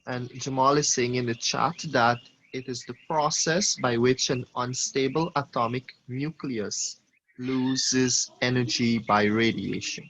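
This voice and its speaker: A man's voice: medium pitch, fairly even intonation, unhurried, a bit bright, poor audio. Man teaching an online class. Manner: questioning, calls on students by name. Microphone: video call.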